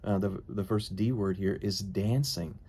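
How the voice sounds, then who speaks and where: Gravelly low-voiced man teaching devotionally. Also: steady tone, measured pace, warm tone.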